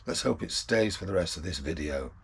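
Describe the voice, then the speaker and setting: A travel vlogger with a gravelly, rough, low-pitched but slightly bright voice talks briskly with lively intonation. He chats wryly and makes small joking asides while vlogging a day trip around a riverside town, both outdoors and in a vehicle. Street and traffic noise fills the recording.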